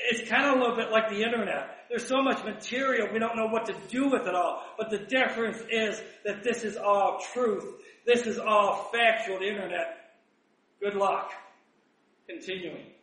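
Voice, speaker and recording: Man, high-pitched, crisp bright voice, conversational Bible teacher, echoey room, far from the mic. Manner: chatty, asks rhetorical questions, reads verses slowly. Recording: roomy echo, distant mic.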